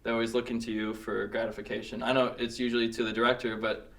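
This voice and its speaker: A man talking as a podcast guest in casual chat, relaxed and hesitant, full of fillers. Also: medium pitch, fast, creaky, far from the mic. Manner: relaxed, hesitant with many fillers, laughs often. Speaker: guest, cinematographer and director. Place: podcast studio.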